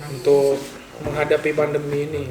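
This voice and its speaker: A man with a fairly high pitch and completely flat delivery talks at a moderate pace while hosting a podcast over food. He eats as he goes, sometimes with his mouth full. The recording is in an echoey room with music behind.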